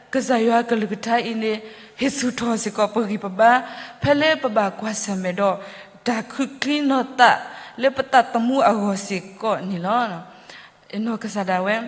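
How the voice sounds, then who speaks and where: A woman giving a sermon in a church, talking loosely with many pauses and fillers. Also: a little high. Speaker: preacher. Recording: long church reverb.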